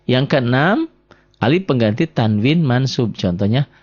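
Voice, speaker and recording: A man teaching Quran recitation rules, patiently repeating each rule and sounding out example words slowly. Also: medium pitch, expressive, a little mellow, muffled recording. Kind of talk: classroom lesson.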